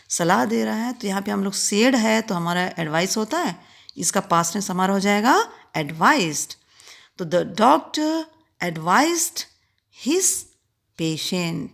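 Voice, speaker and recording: A woman teacher with an Indian accent, explaining English grammar, reading each example sentence slowly before explaining it. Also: medium pitch. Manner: reads English examples slowly and clearly, then explains in quick Hindi.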